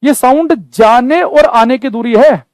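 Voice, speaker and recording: A man's voice: very high-pitched, measured pace, a little mellow, dry recording, low-quality recording. A man teaching a physics lesson, explaining step by step and asking his students questions. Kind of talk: classroom physics lecture.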